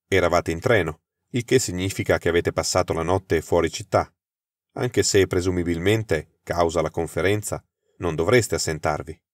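A man voicing a sharp, self-assured consulting detective who makes crisp, incisive deductions. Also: deep voice, no echo, studio quality.

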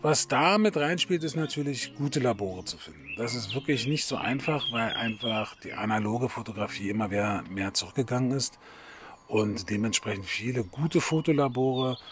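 A man's voice: medium pitch, lively intonation, normal speed. A middle-aged man from Berlin talking casually to camera as a photography host, chatty and hesitant with many fillers. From Berlin, Germany.

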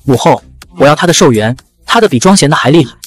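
A male narrator voicing a spoiled young princess, whiny and desperate, speaking fast. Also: deep voice, expressive. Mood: eager.

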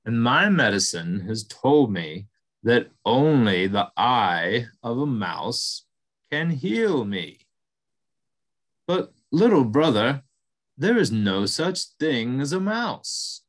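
A man voicing a great dying male buffalo who speaks slowly and gravely in a solemn, kind way. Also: mid-range voice, sing-song.

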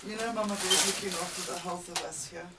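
A woman's voice: lowish voice, steady tone, quick pace. A woman chatting casually in a group, agreeable and upbeat. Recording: distant mic with loud noise.

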